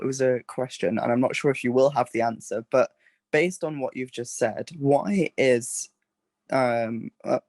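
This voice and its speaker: Fast, flat-toned man asking a hesitant question. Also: medium pitch, no room sound. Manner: hesitant, rushes through hedging asides. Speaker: workshop participant. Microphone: video call.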